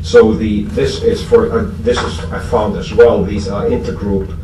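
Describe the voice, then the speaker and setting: A man at a recovery fellowship convention, with a German accent and a lowish voice that barely moves in pitch, haltingly recounts history in a casual public talk. He jokes dryly and pokes fun at himself. The room is echoey and noisy, and the microphone sits far away.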